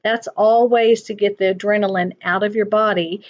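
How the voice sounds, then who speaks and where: A woman's voice: mid-range voice, fairly even intonation, normal speed. A woman school counselor teaching children like a kids show host, explaining simply and often checking they follow. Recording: dull lo-fi sound.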